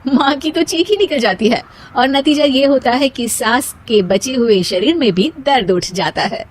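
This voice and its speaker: A woman's voice: high voice, normal speed, husky. A woman narrating a scripted moral story as storyteller.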